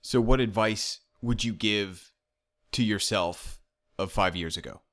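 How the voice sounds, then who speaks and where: Man conducting a laid-back interview, low-ish voice, cracks jokes. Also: measured pace, a bit bright. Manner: joking, self-deprecating. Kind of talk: casual interview.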